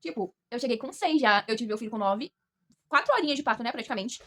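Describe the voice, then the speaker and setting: A young woman from Brazil telling her story to camera in a chatty, animated way, often addressing her viewers directly. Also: fairly high pitch, fast talker. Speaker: vlogger.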